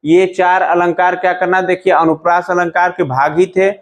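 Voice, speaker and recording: High-voiced grammar teacher. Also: male voice, little pitch movement. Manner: calls students "beta", asks and answers his own questions, recites verse slowly. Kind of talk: classroom-style grammar lesson.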